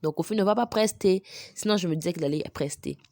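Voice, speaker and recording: A woman's voice: lowish voice, quick pace, a little mellow, no room sound, studio quality. Chatty woman reading fan comments. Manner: chatty, many fillers and restarts; translates comments aloud. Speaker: host of a celebrity news channel.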